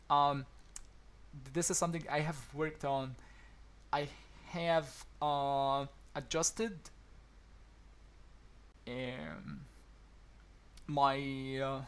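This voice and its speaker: At home in his apartment, an Egyptian man with a somewhat high voice gives viewers a casual English lesson. His accent is deliberately pitched between Egyptian and American, and he is hesitant, restarting often, saying um a lot and chuckling frequently.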